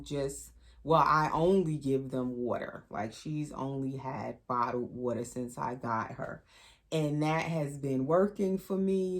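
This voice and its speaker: A woman's voice: low-pitched, a little mellow. A middle-aged woman hosting her own vlog, chatting casually as she shows what she is doing, with plenty of asides and self-corrections. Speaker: doll collector vlogger.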